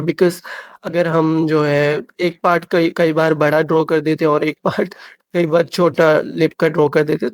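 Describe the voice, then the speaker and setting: A man's voice: fairly high pitch, no echo. A man narrating a drawing tutorial, switching between Hindi and English with many fillers and restarts.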